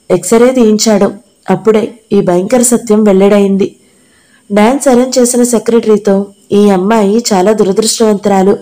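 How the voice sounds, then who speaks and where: A woman reading the part of a gravely ill young woman dancer, speaking softly and with sorrow. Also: mid-range voice, close to an everyday voice.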